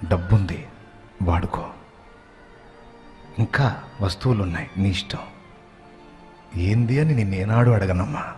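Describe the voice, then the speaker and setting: A man voicing a loving elderly mother-in-law, speaking softly and low in a gentle, pleading way. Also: measured pace, long pauses, faint music behind. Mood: tender.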